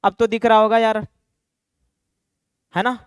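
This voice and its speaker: A young man teaching an online maths exam-prep lesson, chatty and quick, calling students "beta" and "bhaiya" and answering his own questions. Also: high-pitched, flat delivery, clear, resonant tone, dry recording, studio quality.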